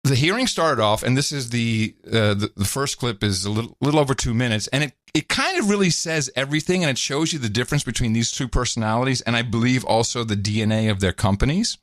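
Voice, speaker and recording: A man's voice: mid-range voice, fast talker, few pauses, no room sound, studio quality. A man co-hosting a podcast, giving casual, sarcastic political commentary with sudden leaps into mocking voices. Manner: animated, sarcastic, jumps into mock voices. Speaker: podcast co-host.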